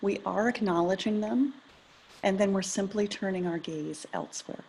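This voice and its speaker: A middle-aged woman leading a guided meditation, talking in a calm, gentle, measured way. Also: medium pitch, vocal fry, slight background noise. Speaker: meditation leader.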